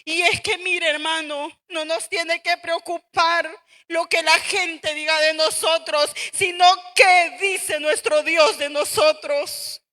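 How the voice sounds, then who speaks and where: A woman's voice: extremely high pitch, steady tone, slow, pushed and bright, long reverb tail. A woman preacher with a Salvadoran accent giving a fervent sermon, often calling out to her listeners as brothers, her voice at times cracking with emotion. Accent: Salvadoran Spanish. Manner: fervent, repeatedly addressing the congregation as brothers.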